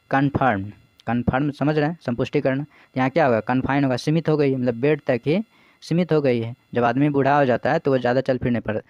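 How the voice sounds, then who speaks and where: A man's voice: mid-range voice, darkish tone, no echo, lo-fi sound. A man teaching as an exam coach, explaining English vocabulary in Hindi, asking his own questions, answering them, and spelling words out letter by letter.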